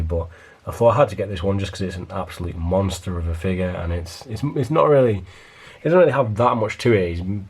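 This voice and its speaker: A man with a very low, hoarse, darkish voice sounds worn out, as if he's losing it. Like a casual vlogger showing off his shelves, he rambles loosely through a show-and-tell of his collection, often restarting sentences.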